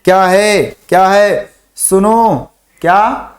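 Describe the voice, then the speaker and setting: A man teaching a chemistry lesson, repeating memory phrases slowly for students to write down and asking and answering his own questions. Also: high voice. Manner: drills mnemonics, repeats phrases slowly for dictation. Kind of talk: online classroom lesson.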